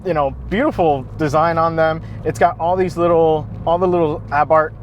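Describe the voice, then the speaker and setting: A man's voice: fairly high pitch, steady tone, moderate pace, muffled recording, a little hiss or hum. Upbeat man reviewing a car outdoors. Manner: enthusiastic, casual, many fillers and restarts.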